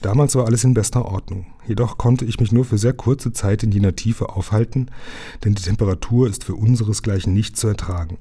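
An ancient, gentle sea creature speaks in a melodious, solemn, tender manner, as a man reads him aloud. The voice is low and mellow, with a husky grain. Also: steady tone, fairly quick. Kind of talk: storybook reading aloud.

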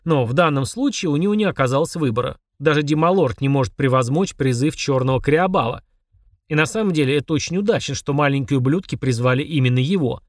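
A man narrating a comic fantasy audiobook in an expressive, wry manner. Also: on the high side, fast talker, dry recording, clean studio sound. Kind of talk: scripted narration.

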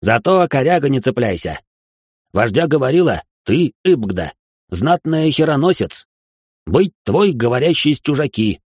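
Guy putting on a jolly jungle translator, broken grammar, higher pitched, pretty loud, dry sound. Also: big pitch swings, normal speed, no room sound. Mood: cheerful.

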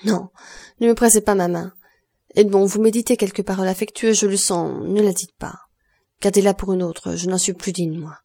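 A woman plays a thirty-nine-year-old in grief, wracked by guilt, who pleads sorrowfully and accuses herself. Her delivery stays close to an everyday voice: medium pitch, fairly even intonation, moderate pace and a dark tone.

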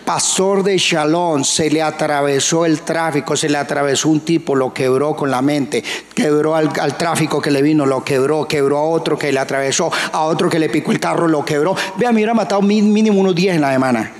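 Colombian pastor, male, high gravelly voice, emphatic sermon, long church-hall reverb. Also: brisk, few pauses. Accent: Colombian Spanish. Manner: emphatic, rhetorical questions to the congregation.

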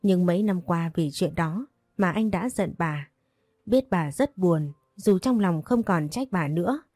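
A woman reads a story aloud in an even, steady audiobook manner, voicing the dialogue lightly herself. Her tone is warm and mellow. The sound is dry and close, with no room around it. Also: lowish voice, a little slow, dry recording. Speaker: narrator. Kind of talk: scripted audiobook narration reading all roles.

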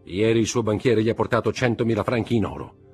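A man reading aloud, voicing a cocky, impatient young man who talks in quick, offhand bursts. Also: fairly low pitch, slightly rough, faint music behind, pitched above the performer's own voice.

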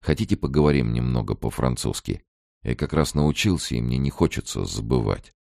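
A man voicing a desperate male prisoner who shouts fierce orders in a raised voice. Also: extremely low pitch, lively intonation, brisk, vocal fry, no echo, studio quality, heavily acted. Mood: calm, earnest.

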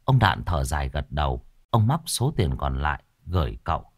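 A man narrating a ghost story in a dramatic, expressive way. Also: extremely low pitch, moderate pace, husky, dry recording, studio quality.

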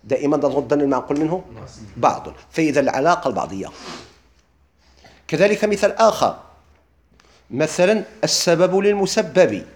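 A man teaches in a Moroccan accent, firing questions at his listeners and answering them himself. He talks fast, with a voice a little higher than most men's. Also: animated. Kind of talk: lesson on classical Arabic rhetoric.

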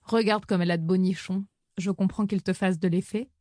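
A woman's voice: mid-range voice, fairly even intonation, brisk, warm tone, no room sound, natural voice. A woman reading an audiobook and voicing a sly young man with mocking politeness, in close to her own voice.

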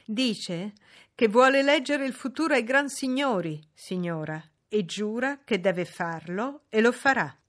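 A woman's voice: on the high side, expressive, unhurried, voice pushed up. A woman reading an audiobook, voicing a flustered, deferential male footman. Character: nervous male footman servant.

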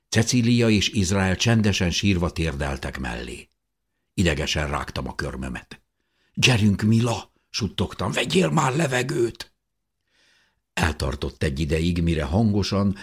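A man's voice: low-pitched, slightly rough. A man narrating a novel in the first person, telling the story expressively as an audiobook reader.

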